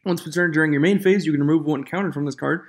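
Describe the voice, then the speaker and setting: Echoey, higher-voiced man hosting casually. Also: racing. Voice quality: echoing, reverberant sound. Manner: informal, opinionated, reads card text aloud. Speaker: YouTube host of a trading card game channel. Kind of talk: casual news commentary to viewers. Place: echoing room outside the usual studio. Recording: echoey room, makeshift microphone.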